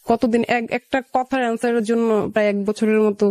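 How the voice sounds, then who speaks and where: In a radio studio, a young woman with a Bangladeshi accent tells her own life story in an interview, chatting casually and slipping into remembered dialogue as she goes. Her voice is on the high side and brisk, with a dark tone, little pitch movement, and no room sound.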